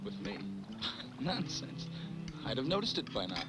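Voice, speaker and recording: Brief: a teasing young explorer, lively and a bit high, old film dub with music behind. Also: male voice, measured pace, poor audio. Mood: earnest. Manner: joking, teasing. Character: teasing, good-humoured young male explorer. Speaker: expedition member. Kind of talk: dubbed film acting.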